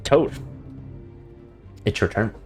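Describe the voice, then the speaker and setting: A man's voice: slow, soft background music. A man running a tabletop game as game master, talking casually with many fillers and restarts.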